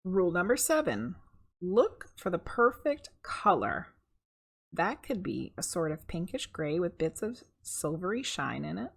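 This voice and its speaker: Reading a children's picture book aloud, a middle-aged woman stays expressive and conversational, adding casual comments to her viewers. Her voice is slightly husky, lowish, and measured in pace.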